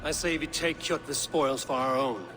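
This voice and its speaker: A man's voice: medium pitch, fairly even intonation, a little slow, over music, close to an everyday voice. A man playing a bold, stubborn Viking warrior in a video game, speaking in blunt, assertive phrases. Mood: insistent. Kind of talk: dramatic video game dialogue.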